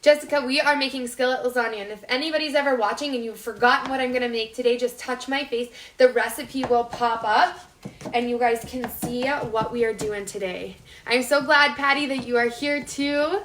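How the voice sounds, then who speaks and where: A woman's voice: a little high, steady tone, normal speed, a bit bright. A woman in her thirties with a North Dakota accent, hosting a casual cooking livestream and chatting informally straight to viewers. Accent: North Dakota, upper Midwestern American. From Las Vegas, United States. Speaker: host of a live cooking show. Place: home kitchen, indoors. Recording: echoey room, clearly noisy with clicks.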